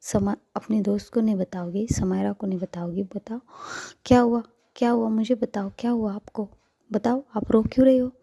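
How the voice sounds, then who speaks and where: A woman voicing a caring young woman who softly coaxes and comforts a crying friend, half-whispering. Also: mid-range voice, steady tone, moderate pace, gravelly, husky. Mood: coaxing.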